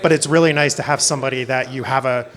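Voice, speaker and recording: His intonation stays fairly even, his delivery is fast, and his mid-range voice has a slight brightness. He is a middle-aged film director from Florida in the United States, a guest on a casual panel telling stories from his own life.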